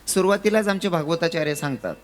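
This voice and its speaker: A man's voice: on the high side, quick pace. A man preaching a devotional kirtan sermon, telling stories and putting questions to the audience. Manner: storytelling, rhetorical questions to the audience. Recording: music clearly behind.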